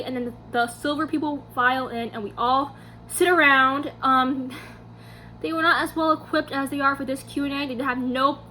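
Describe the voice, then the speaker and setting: Young woman vlogging a storytime, super animated, bright sharp voice. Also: high voice, a little hiss or hum. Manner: animated, acts out her own quotes, emphatic. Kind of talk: casual storytime chat to camera.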